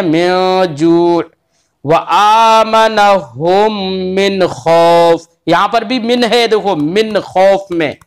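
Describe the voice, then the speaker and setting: Slowly stretching out each example word, a high-voiced man patiently explains Quran recitation rules during an online class.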